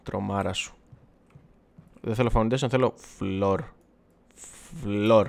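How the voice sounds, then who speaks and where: A man's voice: fairly low pitch, fairly even intonation, creaky, darkish tone. A man casually chatting while livestreaming gameplay, self-mocking and swearing, talking back to his viewers and the game. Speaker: gaming livestreamer. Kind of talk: casual live gameplay chat.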